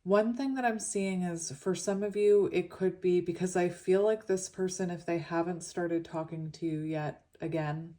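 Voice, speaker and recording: Mellow lower-voiced woman with a slushy lisp. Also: steady tone, normal speed, few pauses. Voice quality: lisp from wearing a retainer, slushy s sounds. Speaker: tarot reader. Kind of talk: casual pick-a-card tarot reading.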